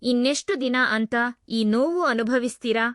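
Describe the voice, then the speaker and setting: A soft, caring young housemaid, as a woman narrator puts her on, pitched a little higher than the storyteller's own voice. She soothes and pleads gently, always coaxing. The recording is dry and close, with no room sound. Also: normal speed, dry recording, natural voice. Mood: soothing.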